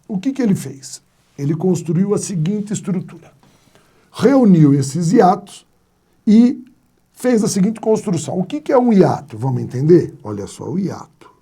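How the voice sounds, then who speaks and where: A man's voice: high voice, sing-song, measured pace, pauses often, mellow, breathy edge. A man teaching a grammar lesson, asking and answering his own questions and telling playful anecdotes. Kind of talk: classroom lecture on spelling rules.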